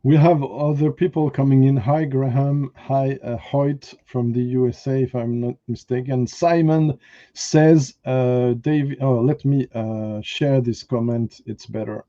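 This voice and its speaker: Male live-stream host, very mellow dark tone, halting casual delivery, muffled lo-fi sound. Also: medium pitch, steady tone. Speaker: host, interviewer. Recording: dull, lo-fi online call audio.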